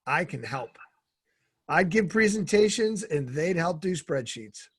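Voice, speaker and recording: A middle-aged man, a guest in an interview, telling energetic stories and acting out the dialogue in them. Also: a little high, a little slow, breathy edge, no room sound, studio quality. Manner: energetic storyteller who acts out quoted dialogue. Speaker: guest, former Navy SEAL and author. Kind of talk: casual interview storytelling.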